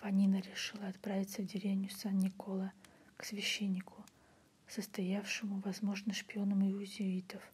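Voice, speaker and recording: A woman reads a literary story in a breathy, unvoiced ASMR whisper, softly and in a measured way. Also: mid-range voice, monotone. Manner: soft, measured literary reading. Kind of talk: whispered ASMR audiobook narration. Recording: faint background noise.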